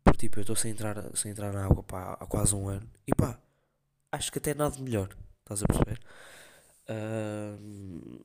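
A man's voice: fairly low pitch, fairly even intonation, normal speed, heavy background noise. A young man with a European Portuguese accent, rambling in slangy casual chat as a podcast host. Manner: slangy, rambling storytelling with many fillers.

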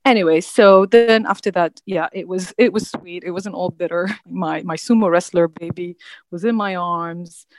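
A woman tells a personal story in a lively voice that climbs high whenever she quotes someone. She talks close to a dry, unechoing mic, and her speech speeds up and slows down as the story goes. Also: no room sound, poor audio. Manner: animated, acts out quoted voices with sudden high outbursts. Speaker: mother telling her birth story.

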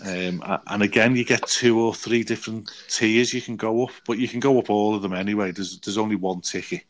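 A man chatting casually, telling an animated travel story and acting out the people in it. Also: on the low side, a little fast. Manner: animated storytelling with quoted voices, swears. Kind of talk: casual chat.

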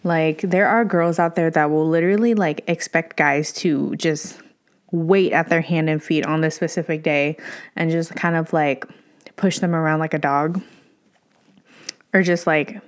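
Young female podcaster, slightly low pitch, stuffy nose. Informal, rambling solo chat that often doubles back on itself. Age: young adult. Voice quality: congested, stuffy-nosed. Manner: informal, rambling, self-interrupting. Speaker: podcast host.

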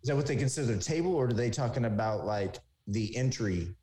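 A man's voice: medium pitch, lively intonation, fast. A man co-hosting a casual live-stream chat, thinking aloud with hopeful asides. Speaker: co-host. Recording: roomy echo.

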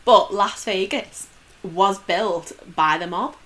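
A woman's voice: medium pitch, takes it slowly, fairly bright tone. A woman co-hosting a podcast, telling a story in a chatty, easygoing way. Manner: chatty storytelling, laughs easily. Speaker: podcast co-host. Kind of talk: casual chat.

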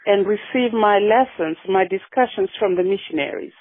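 A woman in her sixties from Fiji, reminiscing in a relaxed radio interview, often adding yeah as she goes. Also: mid-range voice, normal speed, slightly rough. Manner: warm, reflective storytelling with frequent yeahs. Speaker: guest. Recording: dry phone-like radio line.

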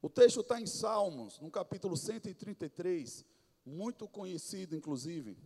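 A man's voice: high-pitched, lively intonation, moderate pace, a little mellow, husky. A man preaching a sermon in a church, his voice swelling and dropping. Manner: preaching with swells and drops in volume. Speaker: pastor. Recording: long hall reverb.

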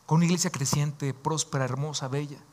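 Fast-talking pastor, high voice. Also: male voice, steady tone, darkish tone. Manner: storytelling, emotional and confiding. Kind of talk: sermon testimony.

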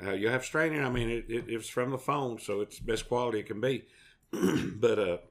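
A man's voice: mid-range voice, brisk. A middle-aged man with a Southern US accent, chatting in a rambling, down-home way as a podcast co-host. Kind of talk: folksy casual chat.

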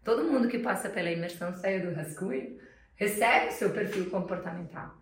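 A woman's voice: lowish voice, a little fast, distant mic. A woman giving a motivational sales training talk, speaking emphatically and colloquially and repeating her key phrases. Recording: roomy sound from away from the mic.

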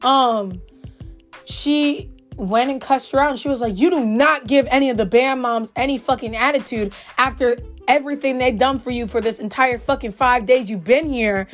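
Young woman, casual vlog, swears a lot, gossipy, a bit high voice. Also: moderate pace, soft background music. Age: young adult. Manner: profane, gossipy and animated. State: voice recovering from being lost. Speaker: color guard senior vlogging.

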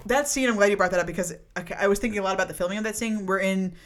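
A woman co-hosting a casual podcast over a video call, animated and jokey, swearing freely. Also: mid-range voice, rapid-fire, slight background noise. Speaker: podcast co-host. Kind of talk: casual chat on a show rewatch.

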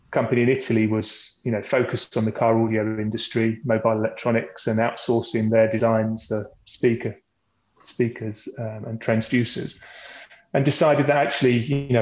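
A man with a medium-pitched, slightly mellow voice appears on a podcast on behalf of his company, walking through the business conversationally like a presentation and frequently repeating words. The sound is dull and lo-fi, captured in a boxy room with echo.

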